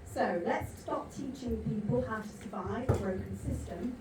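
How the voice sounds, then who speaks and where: A woman's voice: on the high side, normal speed. A woman moderating a conference panel, delivering her points in an emphatic, rhetorical way. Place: large conference hall. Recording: echoey hall from far off, noisy.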